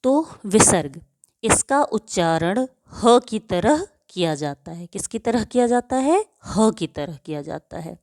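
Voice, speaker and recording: A woman's voice: mid-range voice, expressive, slow pace, darkish tone, no echo, clean studio sound. A woman teaching a grade-school grammar lesson who asks her own questions and answers them, and drawls out example words to show how they sound.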